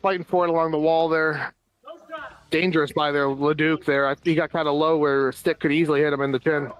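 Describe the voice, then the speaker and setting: A man's voice: on the high side, flat delivery, faint music behind. An American man calling a floor hockey game play by play, running through passes and shots with dry asides. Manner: rapid running call of plays with dry asides. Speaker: play-by-play commentator. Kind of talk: amateur live sports commentary.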